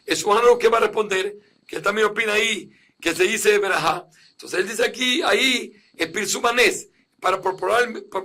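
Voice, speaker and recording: A man's voice: sits high, pushed and bright. A man teaching a lesson on religious law, reading Hebrew passages aloud and then explaining each one plainly in Spanish.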